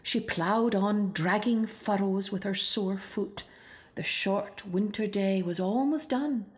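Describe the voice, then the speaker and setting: A woman storyteller reads a children's picture book aloud, her voice middle-pitched and a little mellow. She narrates the scripted tale slowly and expressively for young listeners.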